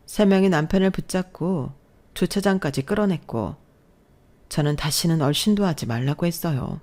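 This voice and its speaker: A woman narrating a scripted first-person story in a brisk, matter-of-fact way. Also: sits low, darkish tone.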